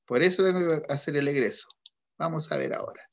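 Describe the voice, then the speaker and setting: A male teacher works through an accounting exercise, asking questions and confirming answers in a methodical, patient way. His voice sits slightly high for a man. The recording is dull and lo-fi. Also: expressive, fairly quick. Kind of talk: online class lecture.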